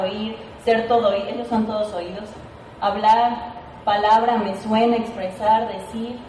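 A woman's voice: on the high side, a little mellow, a little hiss or hum. A woman giving an informal training talk to a sales team, chatty and playful, often checking in with "ok?". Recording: echoey room, mic at a distance.

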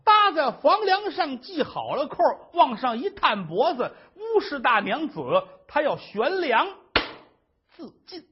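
A man telling a traditional Chinese story in a dramatic, animated way. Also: very high voice, a little slow, dull audio, slight background noise.

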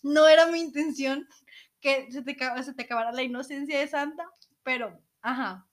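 Chatty high-voiced woman. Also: steady tone, brisk. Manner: chatty storyteller, laughs often, acts out quotes. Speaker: podcast co-host. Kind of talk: casual chat, telling a childhood story.

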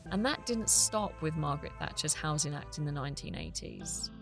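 A woman's voice: deep voice, lively intonation, moderate pace. A woman podcast host delivering scripted narration. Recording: spoken over music.

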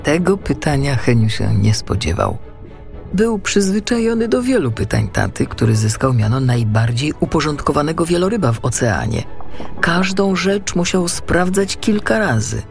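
A man narrating a children's storybook in an expressive reading style. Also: on the high side, normal speed, gravelly, soft background music.

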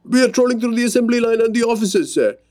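A young, deferential officer, put on by a male narrator who reports back in a voice pitched far above ordinary speech. A soft music bed runs under it. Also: lively intonation, no echo, studio quality. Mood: reporting. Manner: high, quick radio reports.

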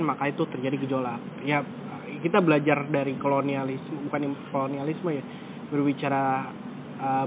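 A man hosting a casual conversation, talking in rambling, self-correcting runs with frequent fillers. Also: medium pitch. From West Java. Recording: tinny phone-like audio with clear background noise.

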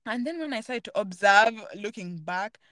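Woman host, thoughtful casual chat, middle pitch, dry recording. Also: lively intonation, moderate pace, a bit bright, no echo. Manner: earnest, thoughtful, searching for words. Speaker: podcast host.

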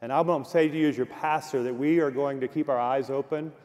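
A man's voice: mid-range voice, steady tone, quick pace, a little mellow. Earnest male pastor in a reverberant church. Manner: affirming, earnest. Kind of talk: church panel host and prayer. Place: church sanctuary. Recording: long reverb of a church hall with audience.

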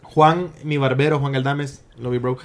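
A man's voice: mid-range voice, fairly even intonation, measured pace. A young man co-hosting a podcast, telling stories in casual chat, joking and swearing playfully. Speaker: podcast co-host.

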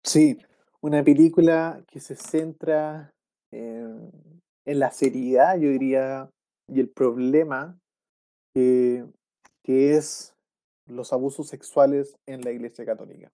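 A Chilean man on a casual film podcast with a mellow, warm tone. He talks in a relaxed, rambling way and tags his sentences with slang. His pitch sits in the middle range. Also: takes it slowly. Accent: Chilean Spanish. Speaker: podcast co-host.

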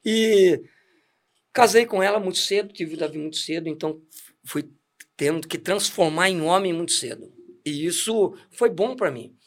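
A middle-aged deacon tells his story in a casual, chatty way. His voice sits high for a man, and he laughs often and restarts his sentences. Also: moderate pace. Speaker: deacon giving testimony. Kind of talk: casual testimony chat.

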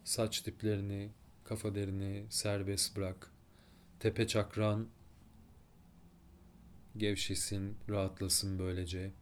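A man with a fairly low voice leads a guided meditation. He speaks slowly and softly, leaving long pauses between short instructions. A faint noise sits under the recording. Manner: slow, calm, soft-spoken instructions with long pauses.

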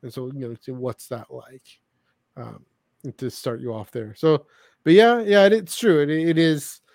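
A podcast co-host with a slightly high, gravelly, darkish voice chats casually about franchise books and comics, with no room sound. He's halting and rambling, often cutting into his own sentences.

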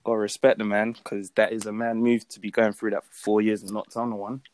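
A man's voice: fairly low pitch, level tone, fast, a little mellow. A young man, co-hosting a casual podcast chat in a laid-back, slangy way. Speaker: podcast co-host.

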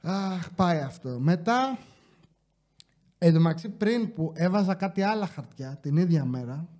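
A young man with a high, mellow voice tells stories from his job on a casual podcast. He talks in rapid, animated bursts, mimics customers, and curses in exasperation. His tone is relaxed and soft-edged, never sharp, while he barely stops for breath. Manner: exasperated, swears. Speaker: podcast host. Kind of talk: casual chat, telling workplace stories. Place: indoor podcast set.

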